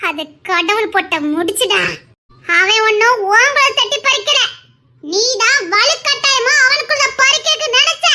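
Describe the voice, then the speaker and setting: A performer with a very high, bright voice plays a menacing young man guarding his home, taunting an intruder with mocking laughs. The speech carries a Tirunelveli Tamil accent. The threats come in a shrill, piercing tone. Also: exaggerated voice. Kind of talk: family skit acting.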